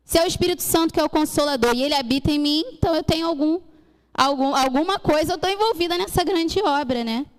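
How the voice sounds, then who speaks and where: High-voiced woman preaching in a hall. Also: fast talker. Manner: earnest storytelling, acts out dialogue, addresses congregation as "gente". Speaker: church speaker sharing mission testimony. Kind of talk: testimony sermon. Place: church hall. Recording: church hall with long reverb.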